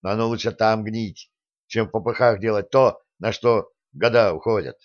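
A man's voice: on the low side, normal speed, natural voice. A grumpy, defiant old teacher, played by a male narrator, talking back with irritable force. The grumbling comes through a dull, lo-fi recording. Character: grumpy stubborn elderly teacher, craftsman. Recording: dull lo-fi sound.

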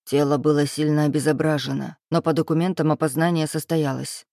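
A woman reading an audiobook voices a curt, self-assured man in power, speaking low, clipped and matter-of-fact. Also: fairly even intonation, brisk, warm tone, dry recording, studio quality. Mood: measured.

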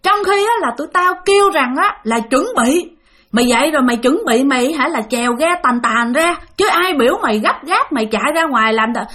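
A woman's voice: sits high, expressive, brisk, a bit bright, voice pushed up. A woman voicing snarling, scolding ghosts. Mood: menacing. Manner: scolding, threatening. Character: band of angry menacing ghosts.

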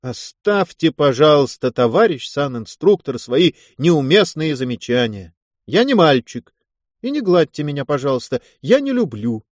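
A man's voice: a little high, sing-song, moderate pace, no echo, clean studio sound. A man voicing a prim, indignant young officer. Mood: flustered. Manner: indignant, stiffly formal. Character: prim, easily flustered young male lieutenant.

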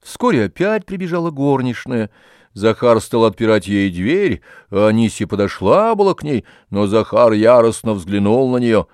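A man narrating an audiobook of a classic novel in a measured storytelling manner. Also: medium pitch, expressive, darkish tone, no room sound, studio quality.

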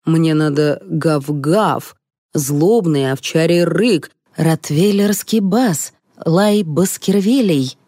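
A woman voicing an excitable, bossy male film director who shouts orders, reading an audiobook in a dry studio. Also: low-pitched, slow, dry recording. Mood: exasperated. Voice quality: shouting, exasperated.

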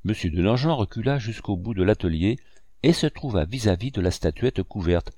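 Male audiobook narrator, measured storytelling, dry close sound. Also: lowish voice, expressive, dark tone, dry recording. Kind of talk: scripted narration.

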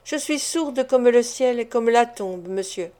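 A woman reading a storybook, voicing a mysterious young woman who speaks in a calm, grave and dignified way. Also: a little high, measured pace. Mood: despairing.

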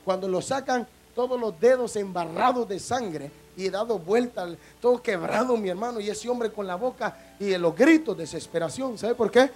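A preacher giving a fiery evangelical sermon, telling stories and calling listeners "brother," dropping to a hush and then rising to loud appeals. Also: medium pitch, moderate pace, hardly any pauses. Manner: storytelling, addresses listeners as brother, swings from hushed to loud.

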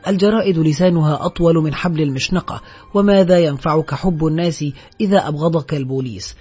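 A man's voice: a little high, quick pace, a little mellow, slightly rough. A man voicing a weary, hunted former convict who mutters in short, guarded words. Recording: dull lo-fi audiobook track.

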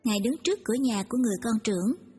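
A woman narrating a story in a steady storytelling way. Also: fairly high pitch, very fast, slightly rough. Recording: reverberant hall, music behind.

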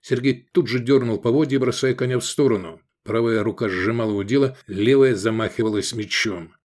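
A man giving steady, vivid scripted narration of an action novel. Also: medium pitch, a little fast. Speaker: audiobook narrator.

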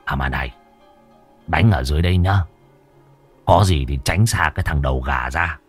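A man doing a gruff old exorcist. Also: extremely low pitch, normal speed, faint music behind, pitched below the performer's own voice. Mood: teasing. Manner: coarse, teasing. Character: gruff old male exorcist, teasing and blunt.

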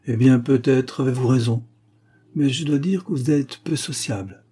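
A man's voice: medium pitch, moderate pace, mellow, husky, natural voice. A man voicing a cruel, mocking hunchback who drawls with false friendliness, in a read-aloud story. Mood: coaxing.

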